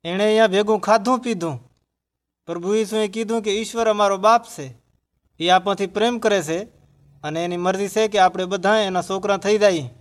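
Earnest guy with a high voice, scripted religious dialogue, explains things patiently. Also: fairly even intonation, moderate pace.

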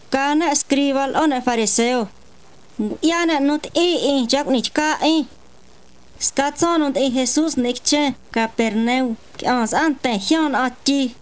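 A woman reading a Bible passage aloud in a measured, steady way. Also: high voice.

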